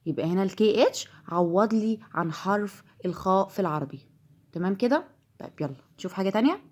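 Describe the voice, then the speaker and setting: A woman's voice: medium pitch, animated, a little mellow. Patient Egyptian woman teaching English. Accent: Egyptian Arabic. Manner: patient, repeats words slowly to drill them. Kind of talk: classroom-style lesson.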